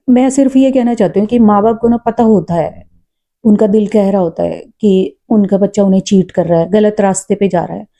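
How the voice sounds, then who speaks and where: A woman tells a personal story in an earnest, reflective way, often pausing with fillers. Her voice is very dark and mellow. Her pitch sits in a middle range. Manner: says she talks loud and forcefully. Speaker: storyteller vlogger; mother. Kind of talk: casual spoken storytelling.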